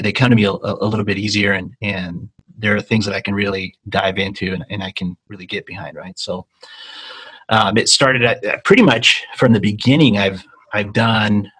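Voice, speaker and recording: Guest: low-pitched man, husky voice, hesitant and restarting, casual interview talk. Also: sharp tone, poor audio. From Argentina. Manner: halting, many ums and restarts. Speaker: guest, consulting company founder.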